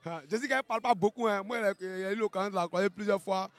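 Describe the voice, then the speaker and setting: Racing along in a high voice, this man from Ivory Coast, with an Ivorian accent, calls a fight live in colloquial style. His excitement shows as he repeats phrases and keeps adding tag questions.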